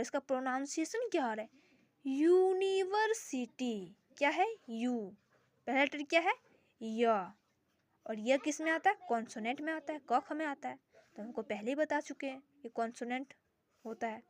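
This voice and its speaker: A young woman teaching a casual grammar lesson at home, asking and answering her own questions and repeating words slowly. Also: sits high. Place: home with sisters noisy in background.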